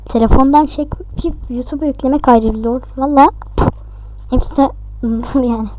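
A woman giving casual, excitable commentary over her own gameplay, talking to herself and shrieking at close calls. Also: high voice, normal speed, highs cut off, slight background noise. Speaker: gaming YouTuber.

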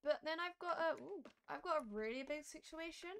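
A hoarse woman who is losing her voice, chatting casually and thinking aloud while live-streaming a game. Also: high voice, lively intonation, brisk, a bit bright. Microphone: streaming mic.

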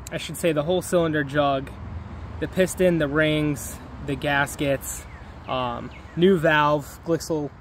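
A man in his thirties talks slowly and easily, rambling with fillers in a slightly high voice. He films himself on a handheld camera out in a yard, with faint outdoor sound behind him. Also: a little hiss or hum. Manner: laid-back, rambling with fillers. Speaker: vlogger. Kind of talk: casual vlog walkthrough. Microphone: handheld camera at arm's length.

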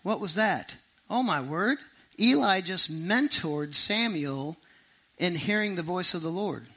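A middle-aged man, preaching a sermon to a congregation in a lively, conversational way with quick asides and sudden slow emphasis. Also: high-pitched, husky.

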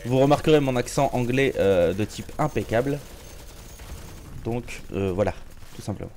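A man streams his own match and chats over it in a loose, joking way, stumbling and restarting often. His throat is a little sore and he clears it from time to time. Faint noise sits under the voice. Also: medium pitch, lively intonation, normal speed, darkish tone. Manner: joking, chatty, many restarts and fillers. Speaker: game streamer. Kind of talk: casual live gameplay commentary.

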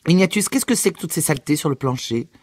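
A man voicing a fussy, nagging working-class mother in a raised, shrill voice. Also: animated, fast, darkish tone, no echo. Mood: scolding.

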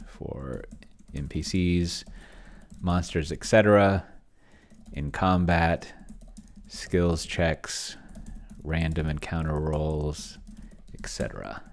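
A middle-aged man with a rumbling low, darkish voice gives casual screencast commentary while playing solo tabletop roleplaying with a chatbot. He rambles and muses to himself as he reads along in a small cluttered indoor room, with a little hiss or hum.

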